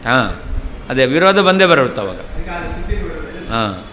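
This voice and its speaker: An older scholar with a medium-pitched, very animated voice teaches a traditional scripture lesson at a slow pace in a temple hall, a crowd audible behind him. He explains patiently and repeats key terms, and the recording carries long hall reverb and faint ambient noise.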